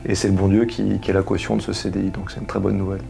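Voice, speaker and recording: A man's voice: sits low, flat delivery, rapid-fire, creaky, dark tone, soft background music. A man in his thirties giving an earnest personal testimony, explaining his views with homely comparisons. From France. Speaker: husband giving a faith testimony.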